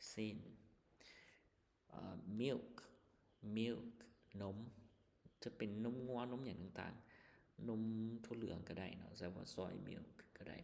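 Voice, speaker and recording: A man's voice: fairly low pitch, gravelly, big-room sound. A male English teacher walks through vocabulary, patiently repeating each word and translating it. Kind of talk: vocabulary lesson explanation.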